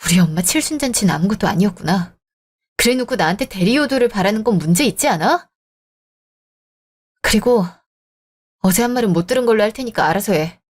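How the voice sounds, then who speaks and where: A woman narrating a radio drama and playing an angry wife, with a sharp, reproachful way of talking. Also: medium pitch, animated, brisk, pauses often, husky. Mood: sarcastic. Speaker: story narrator voicing a wife. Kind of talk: Korean radio drama acting.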